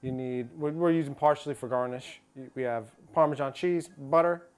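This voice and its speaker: A man's voice: mid-range voice, normal speed, clean tone. A man hosting a live cooking show who jokes around and often stammers and repeats his words while he cooks. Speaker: show host cooking on air.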